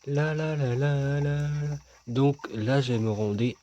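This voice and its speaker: A gaming video host gives casual let's-play commentary, joking and chatting with himself and his viewers as he plays. His mid-range voice is mellow and slow, with slight background noise.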